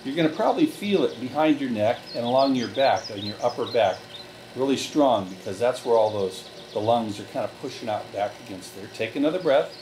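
A man leading a relaxation group through guided breathing, giving slow, calm step-by-step directions. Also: mid-range voice, background noise.

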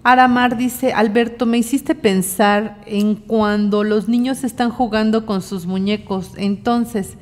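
A woman's voice: medium pitch, fairly even intonation, unhurried, few pauses, in a large hall. A female radio co-host who reads listener chat messages aloud.

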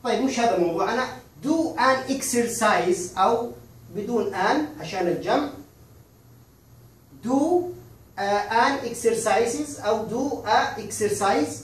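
A man teaching a lesson, explaining patiently and repeating examples, slowing down on the English phrases. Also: sits high. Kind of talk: online language lesson. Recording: very echoey room, far from mic.

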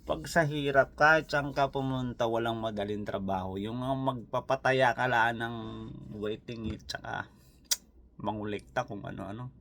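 A man's voice: medium pitch, fairly even intonation, normal speed, a bit bright, a little hiss or hum. A Filipino man with a Visayan accent, chatting casually and rambling through viewer comments as a vlogger. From Philippines. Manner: rambling, chatty, full of fillers and asides. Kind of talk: casual chat. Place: New Zealand.

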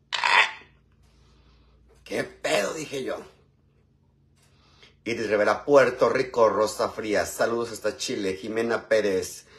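A man with a Mexican accent chatting casually on a live stream while he cooks, using crude slang and greeting viewers by name. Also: lowish voice.

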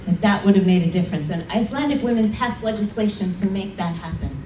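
Against a noisy background, a woman with a mid-range voice speaks quickly, earnestly telling a personal story to a panel audience with emphatic moments. The audio comes from a distance in a conference room, with a roomy hall sound.

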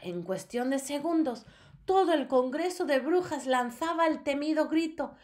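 A woman teacher reading a storybook aloud to her students. Her high voice moves with lively, wide expression. She narrates dramatically. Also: normal speed.

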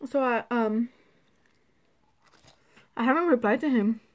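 A woman's voice: on the high side, unhurried. A woman in her twenties chatting casually to her phone while eating, chewing between rambling, filler-heavy phrases. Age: 20s. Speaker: vlogger. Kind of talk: casual mukbang chat to camera. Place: small indoor room at home. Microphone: phone at arm's length on table. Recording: phone recording with background noise and clicks.

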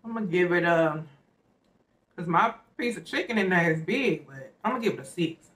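A woman's voice: fairly low pitch, expressive, moderate pace, fairly bright tone, far from the mic. A woman hosting an eating show, chatting casually in a laid-back, slangy way while chewing her food. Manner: laid-back, slangy, talks to viewers as "y'all". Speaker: mukbang host.

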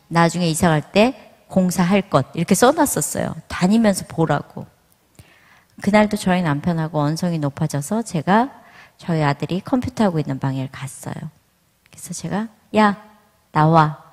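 A woman's voice: fairly low pitch, moderate pace. Middle-aged lady telling her church testimony, acts out the quotes, long reverb like a big hall. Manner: lively storytelling, acting out quoted lines. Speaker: church deaconess giving a testimony.

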